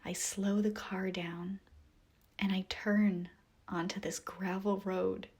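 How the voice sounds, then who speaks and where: This guided meditation visualization is narrated by a woman whose mid-range voice stays soft, breathy, and whispery, with little pitch movement. She speaks in a gentle, soothing way and takes long pauses.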